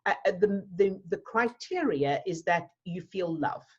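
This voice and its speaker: A woman's voice: fairly low pitch, expressive, a little slow, husky. A woman from South Africa, a mindset coach, answering questions in a workshop and explaining with repeated words as she thinks. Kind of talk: teaching a workshop Q&A. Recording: dull lo-fi audio.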